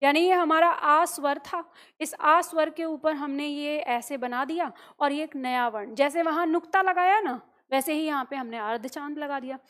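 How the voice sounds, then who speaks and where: A Hindi teacher with a high, fairly bright voice gives a classroom-style grammar lesson, going slowly through each point. She poses questions to her listeners and then answers them herself.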